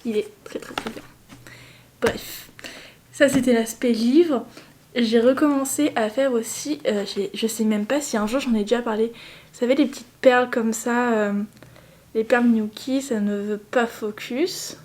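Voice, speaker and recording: A woman's voice: on the high side, steady tone, measured pace, darkish tone. A young woman chatting casually in a home vlog, rambling with self-mocking asides. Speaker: vlogger.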